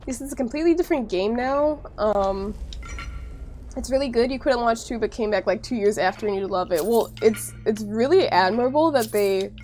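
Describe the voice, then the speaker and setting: Congested from a cold, a female game streamer talks directly and casually to her audience, filling her chatter with "like." Her voice is a little high and a little mellow, and she speaks fairly quickly.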